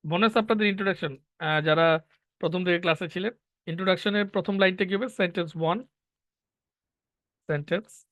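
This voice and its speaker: A man teaches an online class, working through each point step by step and stopping often to quiz his students. His voice sits a little high. The sound is dry and dull, with a lo-fi, muffled edge. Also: fast talker, fairly bright tone, dry recording. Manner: explains step by step, asking students questions. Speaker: English teacher.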